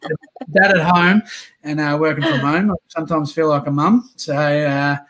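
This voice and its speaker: A man's voice: a little high, fairly even intonation, normal speed, fairly bright tone. A man hosting a casual live-streamed interview chat, encouraging and full of "uh" fillers. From Australia. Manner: chatty and encouraging, frequent "uh" fillers.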